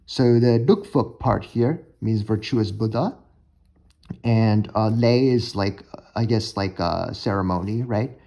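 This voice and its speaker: Guy with a warm low voice, thinking out loud about words, lots of ums. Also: creaky, highs cut off. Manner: musing and tentative, many ums and hedges; slows down to sound out foreign words carefully. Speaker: language-learning vlogger. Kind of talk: casual thinking-aloud explanation.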